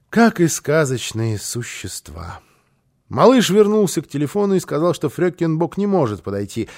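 Expressive male storyteller reading a children's tale. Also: on the high side. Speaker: narrator. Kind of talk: audiobook narration of a children's story.

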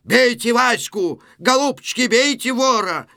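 A man's voice: sing-song, drawn-out words, gravelly, husky, no room sound, clean studio sound, heavily acted. A man reading a play aloud, voicing a scheming woman who shrieks orders at the crowd. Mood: shrieking. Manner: shrill, commanding shouts.

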